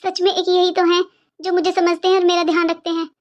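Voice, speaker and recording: A woman with a very high voice talks fast as a sorrowful, pregnant young daughter-in-law in a cartoon, whining and feeling sorry for herself. The high frequencies of the recording are cut off.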